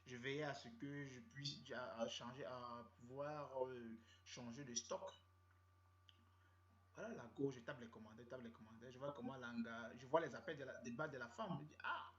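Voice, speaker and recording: A man's voice: medium pitch, fairly bright tone, a little hiss or hum. A man with a Cameroonian French accent telling a comic story in a rambling, slangy, repetitive way. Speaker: comedian storyteller. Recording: roomy, dull lo-fi sound.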